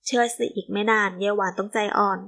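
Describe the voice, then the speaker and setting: A woman's voice: mid-range voice, steady tone, fast talker, fairly bright tone, lightly acted. A woman reading as a scheming older father. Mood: scheming fatherly. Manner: firm, commanding. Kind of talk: audiobook character reading.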